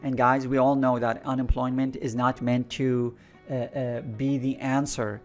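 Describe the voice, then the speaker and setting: An earnest man from Iraq talks straight to his listeners as an energy intuitive. His voice sits at a mid pitch, and he repeats key phrases for weight. Soft guitar music plays faintly underneath. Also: level tone, unhurried. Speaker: energy intuitive channel host. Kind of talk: spiritual monologue to camera.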